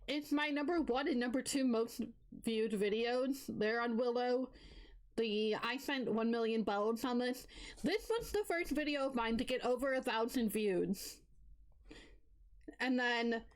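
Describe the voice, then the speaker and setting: A bubbly young woman streamer with a slightly high voice, chatting at an unhurried pace. She giggles often and narrates what she is doing in a casual, chatty way. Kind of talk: casual live-stream chat.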